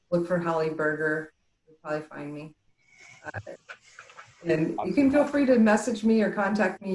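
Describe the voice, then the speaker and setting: A woman's voice: on the low side, echoey room, low-quality recording. A woman guest on a podcast, chatting easily about her work with small restarts and thanks. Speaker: podcast guest, spiritual channel. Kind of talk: casual interview chat.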